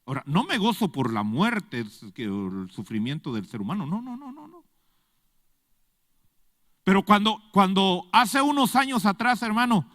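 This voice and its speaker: A man's voice: sits high, big pitch swings, moderate pace, fairly bright tone, no echo, clean studio sound, big-room sound. A man preaching a sermon to a congregation, pressing them with rhetorical questions. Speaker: pastor. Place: church.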